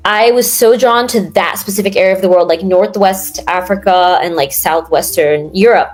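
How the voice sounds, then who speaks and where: A woman's voice: mid-range voice, darkish tone. A young woman from New York in a casual interview, talking in a rambling way with lots of fillers and restarts. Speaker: guest.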